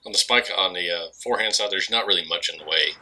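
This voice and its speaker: A man co-commentates disc golf in a low, raspy voice with a very sharp edge. He is laconic and dryly self-deprecating, keeping the commentary casual. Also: fast talker, low-quality recording. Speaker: co-commentator and player in the round.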